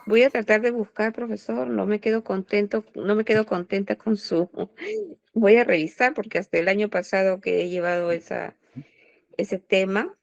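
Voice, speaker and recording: A woman's voice: mid-range voice, fairly even intonation, normal speed, gravelly, highs cut off. A woman at an online workshop for teachers, politely doubting and challenging the teacher's point. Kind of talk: questioning in an online class. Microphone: video call.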